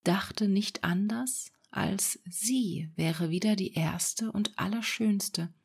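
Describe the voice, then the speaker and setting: A woman reading a fairy tale aloud in a soft, unhurried ASMR whisper. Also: mid-range voice, vocal fry, slightly rough. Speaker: storyteller.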